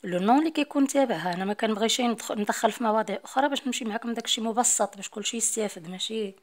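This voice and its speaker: A woman with a Moroccan accent teaching a French lesson, explaining rules and mixing Arabic and French. She reads French examples slowly and deliberately. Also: on the high side. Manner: slow, deliberate dictation when reading French rules; mixes formal Arabic with Moroccan Arabic and French terms.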